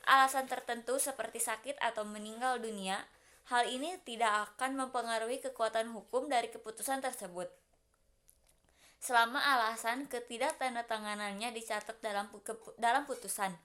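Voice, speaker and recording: A woman's voice: on the high side, a bit bright. A young woman law student reading a prepared class presentation, listing points steadily with small restarts.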